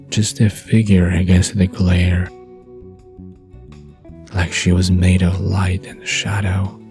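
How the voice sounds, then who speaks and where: In a soft, murmuring bedtime drama monologue, a man with a low voice plays a wistful, dreamy character reminiscing about the past.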